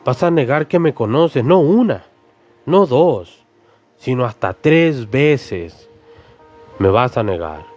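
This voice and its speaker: A patient, gentle adult male teacher, as a preacher speaks for him, firm and measured in his warnings. The voice sits at a middling pitch, with faint music underneath. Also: expressive. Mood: gently firm. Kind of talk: sermon storytelling with acted voices.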